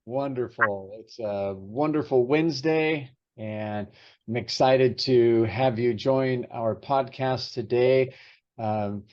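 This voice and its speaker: A podcast host with a mid-range voice leads a casual interview chat, upbeat and talkative yet hesitant, with frequent fillers. He takes it slowly, and the audio sounds dull.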